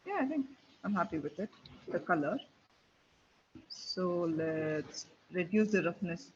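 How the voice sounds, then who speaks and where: A man presenting a live software demo in a webinar, talking himself through each step as he clicks. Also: sits high, expressive, measured pace, breathy edge. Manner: thinking aloud while clicking through a tool. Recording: dull lo-fi webinar audio with faint hiss.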